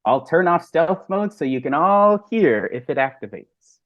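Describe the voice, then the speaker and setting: A woman on a video call giving a playful, crude mock commercial pitch for her team's product. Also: sing-song, unhurried, highs cut off. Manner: playful, crude humor, salesy.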